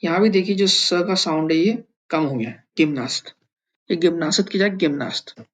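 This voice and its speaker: A man's voice: high-pitched, brisk, a bit bright. A man teaching a language lesson, patiently sounding out each syllable one at a time. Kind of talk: explaining and spelling out syllables slowly.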